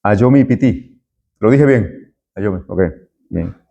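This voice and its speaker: A man's voice: fairly low pitch, slow pace, gravelly, mellow, lo-fi sound. A middle-aged man, a university lecturer taking roll and chatting with students in a classroom. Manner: friendly, chatty, jokes with students.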